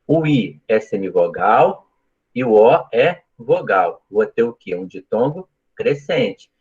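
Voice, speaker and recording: Guiding students through Portuguese grammar in a live online class, this man breaks things down step by step and frequently asks whether they're keeping up. His lowish voice swings widely in pitch, slow, a little mellow and slightly rough, with dull audio.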